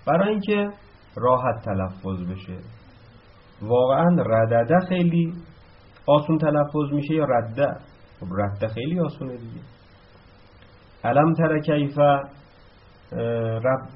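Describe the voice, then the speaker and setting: A man teaching a grammar lesson, explaining step by step and answering his own questions, slowing down to spell out each verb form. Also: medium pitch. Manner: slows down to spell out verb forms. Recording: slightly dull, lo-fi recording.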